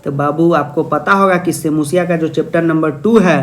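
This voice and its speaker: A man's voice: on the high side, fairly even intonation, moderate pace. A young man teaching a Sanskrit exam lesson, playful and jokey, often asking questions and then answering them himself in a student's voice. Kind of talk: exam-prep video lesson.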